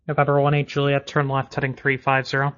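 A man's voice: mid-range voice, completely flat delivery, fast. A man working as an air traffic controller, giving clipped, matter-of-fact procedural instructions over radio. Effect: radio transmission. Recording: dull band-limited radio audio.

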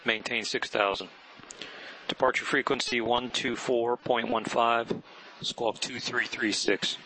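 An air traffic controller gives clipped, matter-of-fact procedural instructions over the radio at a medium pitch, with flat delivery and a measured pace. It sounds like an aviation radio transmission over a noisy link with clicks.

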